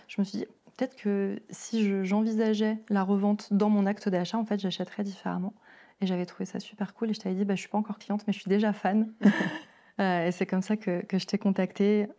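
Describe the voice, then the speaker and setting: A woman's voice: mid-range voice, mellow. A woman hosting a podcast interview, rambling and hesitant with many fillers and small laughs. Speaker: podcast host. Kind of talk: casual interview.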